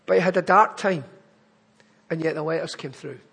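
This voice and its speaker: A Scottish man with a Glaswegian accent makes an earnest, pleading charity appeal in church, building to emphatic lists. His voice is fairly high, gravelly, a bit bright and slightly rough, at a moderate pace, with a long reverb tail.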